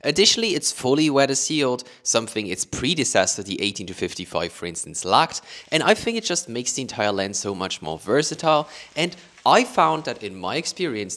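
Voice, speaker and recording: This young Luxembourgish man talks his viewers through camera gear in a medium-pitched, slightly bright voice with big pitch swings, at normal speed and with few pauses. His international accent comes from British-taught English, and he rephrases as he goes, leaning on "let's say" and "additionally."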